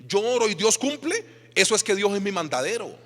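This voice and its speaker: In the echoing hall of a church, a Colombian Spanish-accented pastor delivers a sermon with animation, posing rhetorical questions to his congregation. His voice is high and his delivery brisk.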